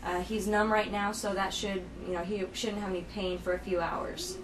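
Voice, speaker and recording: A woman explains clinic aftercare in plain, conversational words, step by step. She often checks that she is understood. She is some way from the microphone, in a clearly noisy room. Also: medium pitch, normal speed, recorded from a distance. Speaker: dental surgery assistant giving aftercare instructions. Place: indoor clinic treatment room. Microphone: camera held by another person, at a distance.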